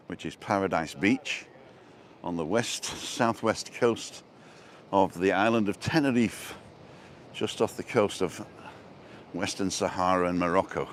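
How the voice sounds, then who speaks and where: Strolling a seaside promenade, this English travel vlogger hosts a rambling livestream walking tour, joking around and replying to viewers. He was born in England and has lived in Wales and abroad; his voice is low and unhurried, and the street and seafront noise around him is loud.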